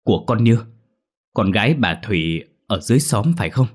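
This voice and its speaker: A man voicing an older village neighbor woman who exclaims and gossips loudly. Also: lowish voice, animated, brisk, slightly rough. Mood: loud gossipy. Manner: loud, exclaiming, chattering.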